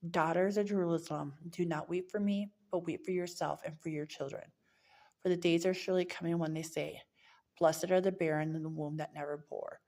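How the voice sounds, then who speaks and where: A woman's voice: lowish voice, darkish tone. A woman reading a Bible chapter aloud, now and then stumbling and correcting herself mid-word. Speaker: scripture reader.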